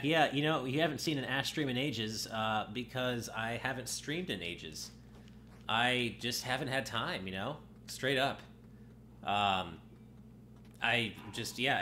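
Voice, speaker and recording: With game music playing and slight background noise, a man with a low, bright, forceful voice chats casually while streaming gameplay live. He sounds slightly nasal and frequently cuts himself off mid-sentence.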